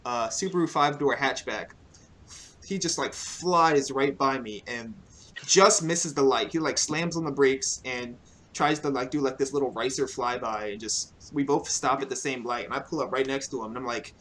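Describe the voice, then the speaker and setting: A man's voice: mid-range voice, normal speed, fairly bright tone, slight background noise. A young man hosting a casual podcast, telling stories in a laid-back way with lots of fillers and laughs. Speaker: podcast host. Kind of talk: casual chat about car racing.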